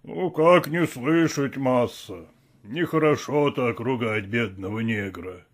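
A man voicing an old male servant who is timid and grumbling, talking in a slow, drawn-out, plaintive way. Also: mid-range voice, pitched below the performer's own voice. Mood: fearful. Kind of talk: audiobook character voice.

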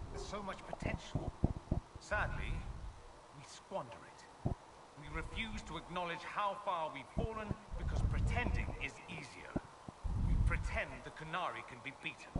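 Haughty exiled noble mage, game dialogue, lively swooping delivery, slightly high voice, distant sound, loud noise underneath. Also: male voice. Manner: proud, witty, theatrical flourishes.

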